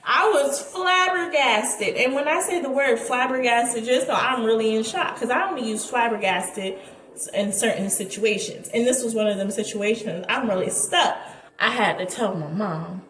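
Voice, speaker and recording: A young woman spins a storytime in a lively, dramatic way, her voice sitting a little high. The room sounds roomy and echoing, with a faint bed of ambience behind her. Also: normal speed, slight background noise. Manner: animated, dramatic, laughing asides. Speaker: vlogger. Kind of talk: casual storytime.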